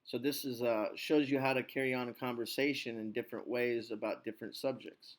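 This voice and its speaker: A man hosting his podcast as an English teacher, talking in a relaxed, reassuring, rambling way. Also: medium pitch, brisk. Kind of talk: casual chat.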